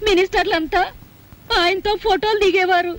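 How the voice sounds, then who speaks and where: A woman's voice: very high-pitched, fairly even intonation, normal speed. A woman acting an anxious, melodramatic married woman. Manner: pleading, melodramatic. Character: anxious married woman, jealous then pleading. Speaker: wife in a film. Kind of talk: 1980s Telugu film acting.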